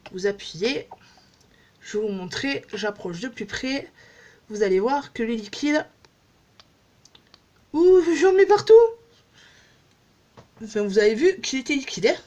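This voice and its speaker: A woman beauty vlogger chatting casually at home through a makeup demo, rambling and joking at herself with many fillers. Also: medium pitch.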